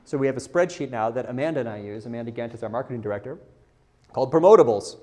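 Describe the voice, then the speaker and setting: Speaking very fast in a dark, mid-range voice, an animated man addresses a conference audience. He's a content marketer with an informal, honest, self-deprecating delivery who quizzes his listeners.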